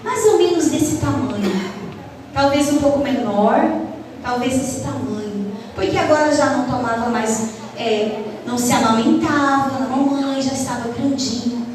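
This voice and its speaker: A woman's voice: high-pitched, moderate pace, noisy background. A woman teaching children a Bible story in church, asking them questions as she tells it. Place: church hall. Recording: echoey church hall, far from mic.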